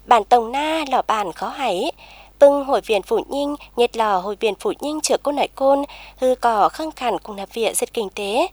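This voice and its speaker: Female news reader, higher voice with a husky, breathy edge, steady formal read-out. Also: moderate pace, no echo. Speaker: news reporter. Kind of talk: scripted news narration.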